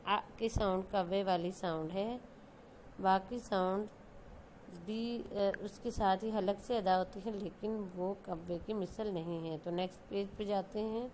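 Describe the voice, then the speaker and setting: A Pakistani woman with a mid-pitched voice teaches young children to read the Quran, stretching and repeating each letter sound. There is a faint hiss of background noise behind her. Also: steady tone, a little mellow. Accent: Pakistani Urdu. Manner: slow, drawn-out letter sounds, repeated for students.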